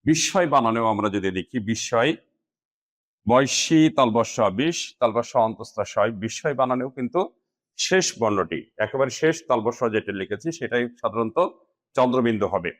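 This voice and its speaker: A man teaching a grammar lesson to students, speaking slowly and deliberately and spelling words out piece by piece. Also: medium pitch, animated.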